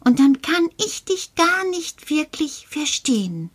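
A woman performs a friendly little male creature from an underground burrow, in a children's puppet-style dialogue. The voice sits high and moves slowly, patient and coaxing, often sinking into a hushed whisper. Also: big pitch swings, exaggerated voice. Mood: patient coaching. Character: cheerful little male cave-dwelling earth creature.

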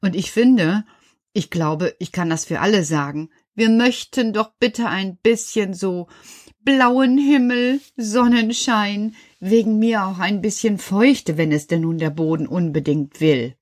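A woman's voice: medium pitch, measured pace, darkish tone. A woman presenting for children, chatting casually and explaining plants simply. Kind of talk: casual chat.

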